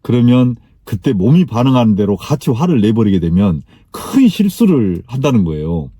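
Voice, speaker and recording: A middle-aged man tells a workplace anecdote in a lively, animated way. His voice is very warm and husky, and the recording is close and dry. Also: medium pitch, moderate pace, no room sound. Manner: animated, acts out dialogue in his story. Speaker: speaker on workplace life. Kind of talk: anecdotal storytelling talk.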